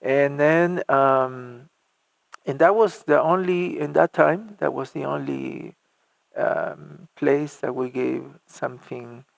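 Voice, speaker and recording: In this dry, echo-free recording, a middle-aged church music minister from Argentina tells his life story to an interviewer. He speaks haltingly, full of fillers and restarts, in a gravelly voice on the high side with fairly even intonation.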